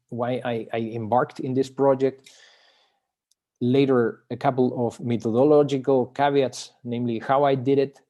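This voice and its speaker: A man's voice: mid-range voice, warm tone. Hesitant man presenting his book. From Chile. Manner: hesitant, frequent filler sounds and restarts. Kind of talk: online academic presentation. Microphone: video call.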